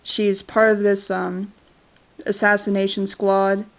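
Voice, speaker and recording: Speaking slowly in a mid-range voice with little pitch movement, a congested woman chats to her camera about films she loves. Her talk is hesitant, full of fillers and restarts, and the camera audio is dull and lo-fi.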